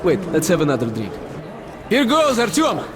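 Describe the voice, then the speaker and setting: An actor voices a boisterous, talkative Red Line army major in a video game, falsely friendly and speaking with a Russian accent. His male voice is high-pitched and moderately paced, chatty and expressive, earnest and opinionated, sprinkled with foreign exclamations. Crowd and background noise can be heard.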